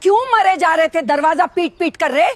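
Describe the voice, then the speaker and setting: A bossy, sharp-tongued stepmother, voiced by a woman, scolds in a high cartoon voice. Music plays underneath. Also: moderate pace.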